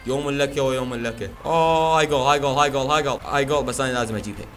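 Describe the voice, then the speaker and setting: A man commentating his own gameplay, shouting, chanting and making silly sound effects. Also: medium pitch, racing, over loud music. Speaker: gaming video host.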